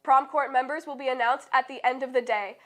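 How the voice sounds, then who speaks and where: A teenage female student co-announcer reading scripted high school announcements. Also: fairly even intonation, a little fast, fairly bright tone.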